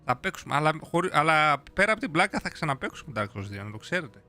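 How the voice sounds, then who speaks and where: A man's voice: fairly high pitch, big pitch swings, sharp tone. A young man hosting a casual live stream, playful and slangy, chatting with viewers and reading their messages aloud. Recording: faint music behind.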